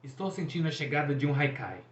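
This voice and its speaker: A man's voice: expressive, quick pace, close to an everyday voice. A man voicing a cocky, boastful young male sun god in a showy, teasing manner. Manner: showy, teasing, high-spirited. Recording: echoey, dull room recording.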